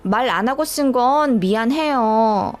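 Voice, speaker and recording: A woman's voice: a little high, lively intonation, takes it slowly. A woman playing a whiny, defiant young sister-in-law who whines and pleads. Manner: whining, pleading.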